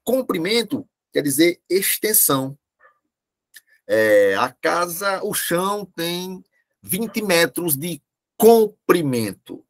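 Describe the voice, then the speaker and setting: A man, teaching a language class over a video call, speaking slowly and deliberately and repeating key words for his students. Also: high-pitched, big pitch swings. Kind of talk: online class lecture.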